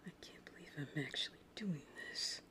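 A woman voicing a shy, flustered young male cartoon hedgehog hero in love, husky and hesitant, in an intimate ASMR roleplay. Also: moderate pace, lightly acted. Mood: nervous, bashful. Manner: hesitant, stammering, bashful.

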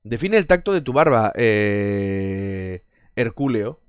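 A Spanish man on a live stream reads his chat aloud and responds with sarcasm and jokes, laughing a lot and swearing freely. His lowish voice is clear and resonant, swinging up and down with lively intonation as he takes his time. The close mic gives a dry sound with no echo.

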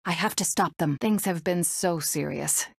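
A woman voicing a brave, sardonic young rebel princess in a video game, with a crisp, resolute and dryly sarcastic manner. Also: fairly low pitch, normal speed, dry recording, clean studio sound. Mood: determined, dry.

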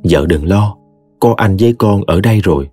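A man voicing a gentle young husband comforting his wife in an audio story. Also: deep voice, lively intonation, moderate pace, no echo, faint music behind. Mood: tender. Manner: soft, comforting.

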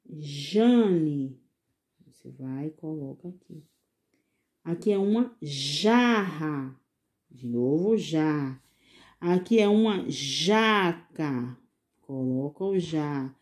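A woman teaching young children in a recorded lesson, patiently sounding out syllables and coaxing them with gentle diminutives. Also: lowish voice. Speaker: preschool teacher.

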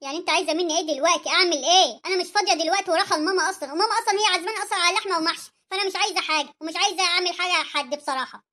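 A woman's voice: very high voice, rapid-fire, hardly any pauses, pushed and bright. A woman voicing a rude, impatient young daughter-in-law in an Egyptian cartoon story, snappy and dismissive, with an Egyptian accent.

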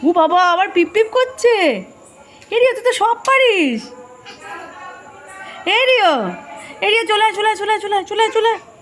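High teasing woman filming a child. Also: moderate pace, pauses often, fairly bright tone, faint music behind, some chatter behind. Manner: teasing, then soothing a crying child. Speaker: family member filming a child. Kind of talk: casual home video chat.

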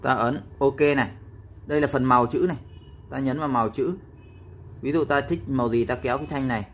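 This is a laid-back how-to where a man explains a phone app step by step. He speaks in a mid-range voice, frequently stopping and filling gaps with fillers.

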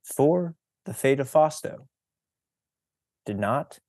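A man reading a picture book aloud during a presentation in a deliberate, teacherly storytelling manner. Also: medium pitch, lively intonation, darkish tone, no echo, clean studio sound.

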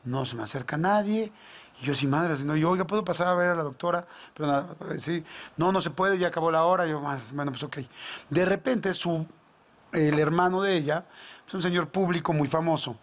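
A man with a Mexican Spanish accent, speaking rapidly in a high voice. He tells his story with animation and slang. He acts out each voice in the dialogue. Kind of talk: casual anecdote telling.

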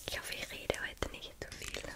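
A woman in her twenties whispering softly and intimately, close to the microphone, in a casual ASMR chat. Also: normal speed. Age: 20s. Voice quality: soft breathy unvoiced whisper. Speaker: ASMR video creator. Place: small bedroom, indoors. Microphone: large microphone close to the mouth.

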